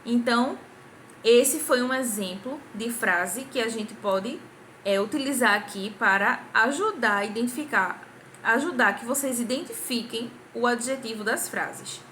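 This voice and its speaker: A woman's voice: fairly high pitch, measured pace, bright, forceful tone, slight background noise. A young adult woman with a Brazilian Portuguese accent, a primary school teacher recording a patient grammar review for children, asking the class questions and clapping out syllables.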